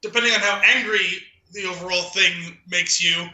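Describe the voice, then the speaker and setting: Amused and often laughing mid-reading, a man co-hosts a podcast, mixing casual talk with a dramatic poem recitation. He has a high-pitched, sharp voice with fairly even intonation at normal speed, heard on a rough, reverberant recording.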